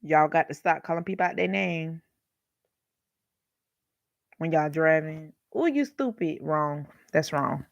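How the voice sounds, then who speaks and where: A woman's voice: deep voice, flat delivery, slow, gravelly, pauses often, no room sound, highs cut off. A woman hosting a casual livestream Bible talk, speaking frankly and chattily, scolding listeners with humor and calling them y'all. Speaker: Bible study host.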